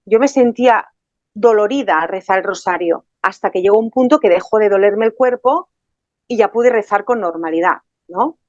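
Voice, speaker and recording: A woman's voice: medium pitch, moderate pace, darkish tone, no echo. A woman giving a personal testimony, telling her story animatedly with many fillers and restarts. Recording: dull dry recording.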